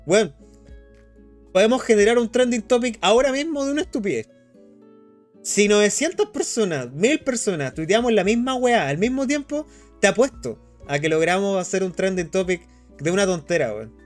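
Animated Chilean man streaming. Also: high voice, moderate pace, faint music behind. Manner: animated, slangy, reads chat aloud. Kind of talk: casual live-stream chat.

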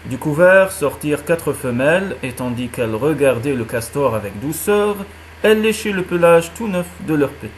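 Male narrator, calm audiobook read of a children's tale, slightly high pitch, faint noise floor. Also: moderate pace. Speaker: reader. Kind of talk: audiobook reading of a children's novel.

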